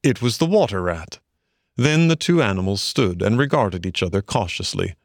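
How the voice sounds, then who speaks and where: Male narrator, storybook reading, lively melodic delivery, dry close sound. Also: lowish voice, no room sound. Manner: expressive, measured.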